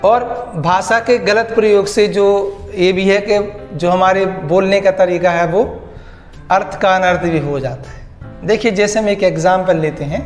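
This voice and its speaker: A man's voice: sits high, fairly even intonation, measured pace. A man teaching a grammar lesson to students, repeating key words back as questions. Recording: echoey room with faint music.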